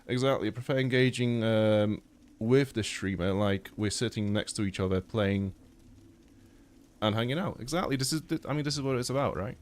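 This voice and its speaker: Speaking at a moderate pace in a lowish voice, this young man from Poland talks casually on a gaming live stream. His speech wanders, full of fillers, restarts and frequent swearing, and he's slightly stuffy-nosed.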